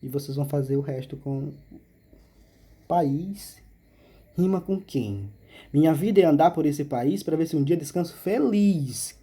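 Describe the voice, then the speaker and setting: A man's voice: a little high, unhurried, warm tone, husky. A male teacher, explaining a school exercise step by step and checking in with frequent questions. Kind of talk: remote classroom lesson.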